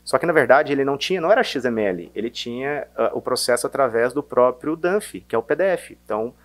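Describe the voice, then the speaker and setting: A man from Minas Gerais with a softened Mineiro accent, talking casually as a sales guest, hesitant with many restarts and fillers. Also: medium pitch, lively intonation, fast talker. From Minas Gerais, Brazil. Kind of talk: casual interview chat.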